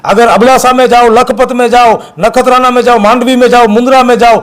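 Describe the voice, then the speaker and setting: A man from Gujarat, an activist guest, speaking forcefully and accusingly in a heated interview, repeating his points. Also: very high-pitched, steady tone, fairly quick.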